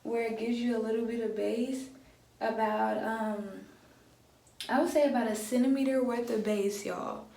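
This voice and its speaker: A woman's voice: fairly high pitch, moderate pace, gravelly. Chatty young woman, echoey room. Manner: chatty, relaxed, addresses viewers as y'all. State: groggy, just woke up. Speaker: hair tutorial vlogger. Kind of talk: casual how-to tutorial. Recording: echoey room with faint ambience.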